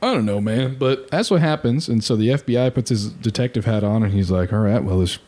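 A man hosting a casual podcast, retelling a crime story in a lively, swearing way. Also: medium pitch, fairly quick. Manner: animated storytelling with swearing and laughs. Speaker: podcast host. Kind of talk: casual true-crime chat.

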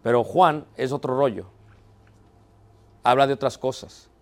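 A man's voice: medium pitch, measured pace. A man teaching a theology class, asking the students questions and checking that they are following. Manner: poses rhetorical questions and answers them himself. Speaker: Bible teacher.

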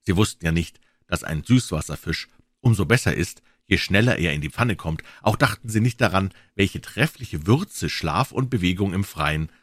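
A man narrates a classic adventure novel in a very low, husky voice. The recording is dry and close, and his reading moves in a measured, lilting way. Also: no room sound.

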